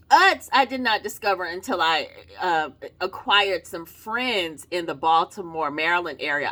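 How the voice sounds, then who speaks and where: A woman's voice: lowish voice, sharp tone. A woman from North Carolina, reviewing a product in a casual vlog, teasing playfully and laughing often as she talks. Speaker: marketing consultant reviewing a product.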